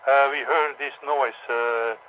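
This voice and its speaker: Man, halting, on dull radio. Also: mid-range voice, steady tone. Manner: halting, non-native English phrasing. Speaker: amateur radio ground station operator. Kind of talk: radio call and explanation, procedural. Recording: dull radio link, faint noise.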